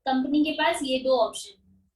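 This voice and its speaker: A woman teacher giving a finance lecture. She explains slowly, repeats key terms and keeps checking that everyone understands. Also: sits high, recorded from a distance. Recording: echoey room, speaker away from mic.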